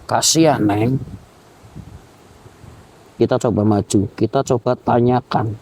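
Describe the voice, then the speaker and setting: A man's voice: mid-range voice, steady tone, slow pace. A young man, a ghost-hunting vlogger who intones prayers and calls out to a spirit by a roadside hill. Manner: solemn, intoning Arabic prayers, then urgent and startled. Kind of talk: spoken invocations and narration to viewers. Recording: outdoor recording with wind noise.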